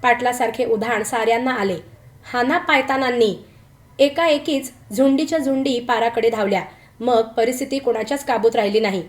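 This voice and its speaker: A woman tells a tale in a scripted, dramatic reading voice, sitting a little above the usual pitch for women. She takes her time over the quoted lines and gives them a rougher rural flavor. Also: darkish tone. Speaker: storyteller. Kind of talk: scripted story narration.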